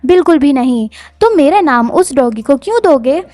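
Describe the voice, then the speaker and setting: A woman voicing a proud, quick-tempered young noblewoman in a manhwa recap, scolding and exasperated. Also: high voice, lively intonation, mellow, no room sound, soft background music.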